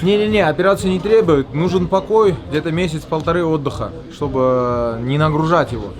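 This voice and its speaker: A man's voice: a little high, a little fast. A man, a fighter, talking casually and colloquially in short bursts in an interview. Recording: noisy crowd behind voice.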